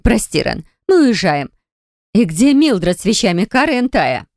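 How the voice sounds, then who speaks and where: A woman's voice: sing-song, normal speed, a little mellow, dry recording, clean studio sound. A woman reading an audiobook and voicing a haughty, hysterical dragon woman who snarls and shrieks at her brother's mate. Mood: stubborn. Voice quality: shrill, hissing and snarling.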